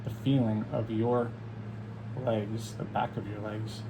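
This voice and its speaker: Guy teaching meditation, soothing and slow w long pauses, gravelly fry, steady hum behind him. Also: fairly low pitch. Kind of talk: guided meditation instruction.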